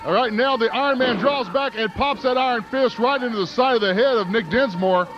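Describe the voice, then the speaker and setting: A man calling live pro wrestling play-by-play in an excited, exclamatory way. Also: very high voice, fairly quick. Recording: dull lo-fi broadcast, very noisy.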